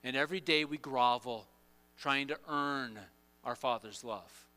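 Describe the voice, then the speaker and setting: A man's voice: medium pitch, a little slow, sharp tone, long reverb tail. A man preaching a sermon, telling the story with playful asides and restarts.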